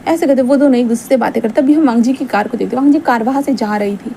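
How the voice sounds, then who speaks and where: Woman narrator, casual fanfic storytelling, high mellow voice. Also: fast, vocal fry, slight background noise. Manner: conversational, repeats phrases.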